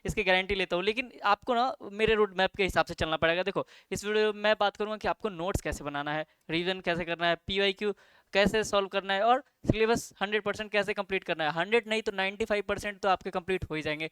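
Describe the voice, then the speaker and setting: Fast-talking young man, crisp high voice. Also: a bit bright, no room sound. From India. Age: young adult. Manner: fast and chatty, many fillers and self-corrections. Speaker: student tutor giving exam study advice. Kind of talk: casual study-plan talk to camera.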